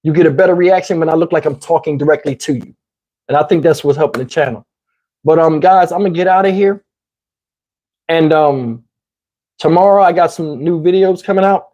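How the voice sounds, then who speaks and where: This rambling YouTube commentary host speaks in a fairly high, warm voice, a little fast, with a Southern US accent, over a rough recording. He talks casually and conversationally to his livestream viewers, tossing in "you know what I'm saying." His throat is parched and his voice is wearing out.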